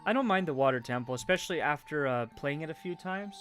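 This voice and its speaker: Fast and lively, this Canadian man speaks in a high-ish, slightly bright voice while streaming himself building Lego. He rambles casually, uses fillers, and trails off while trying to recall things, with faint game music in the background.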